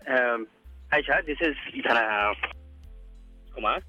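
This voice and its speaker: A man's voice: mid-range voice, music in the background. Man on a phone line that keeps cutting out. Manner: hesitant, halting, many fillers. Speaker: caller to a radio show. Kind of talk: phone-in question. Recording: tinny, dry phone line that drops out.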